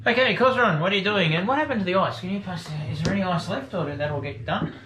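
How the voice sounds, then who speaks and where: A man, running a tabletop game as game master in a relaxed, chatty way. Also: sits high, fast, a crowd in the background. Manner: relaxed, chatty, laughs often. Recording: echoey room with faint noise.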